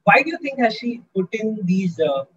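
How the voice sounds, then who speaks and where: Brief: high-pitched man leading a student workshop, upbeat and coaxing, muffled lo-fi call audio. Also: very animated, normal speed, fairly bright tone. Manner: upbeat, coaxing, keeps asking the audience. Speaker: guest speaker in a student workshop. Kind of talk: interactive online lecture.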